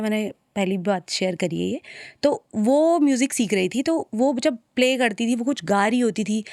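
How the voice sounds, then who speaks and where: A young woman from Uttarakhand, a singer, talking softly and a little hesitantly as an interview guest. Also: fairly high pitch, no room sound, studio quality. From Uttarakhand, India. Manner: soft-spoken, shy, hesitant. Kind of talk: casual interview conversation.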